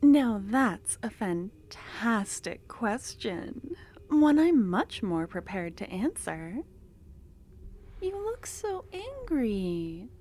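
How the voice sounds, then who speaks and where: In an ASMR fantasy roleplay, a woman plays an obsessive, possessive young cultist, coaxing in a soft, breathy half-whisper that's soothing yet possessive. Her voice is fairly high, very animated and exaggerated, and extremely slow.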